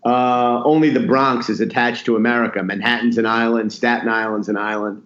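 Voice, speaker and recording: An echoey, slightly dull recording of a middle-aged man. He speaks as an interview guest, in a casual storytelling way, at an ordinary male pitch. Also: fairly even intonation, brisk, a bit bright. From Queens, New York. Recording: dull, roomy, echoey audio.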